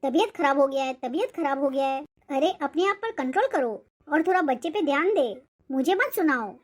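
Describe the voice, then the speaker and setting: Voicing a nagging older mother-in-law in a cartoon family drama, a woman speaks fairly quickly in a high, animated voice. She sounds irritated, complaining and scolding throughout.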